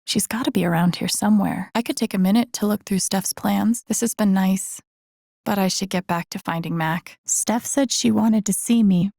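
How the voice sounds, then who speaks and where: A young adult woman voices a thoughtful, wry game protagonist, musing to herself in low-key, introspective lines. Her delivery is mellow with vocal fry at normal speed, captured in a dry, studio-quality recording.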